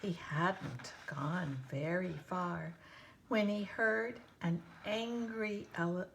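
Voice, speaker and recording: Slow woman teacher reading aloud. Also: on the low side, vocal fry, fairly bright tone, slight background noise. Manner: slow, questions for students, drops to whispers. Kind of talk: reading a children's book aloud.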